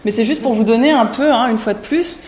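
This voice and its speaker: A woman's voice: fairly high pitch, fairly quick, roomy sound, slight background noise. A woman presenting a seminar introduction, hesitant, with many fillers and restarts, speaking up so a remote listener can hear.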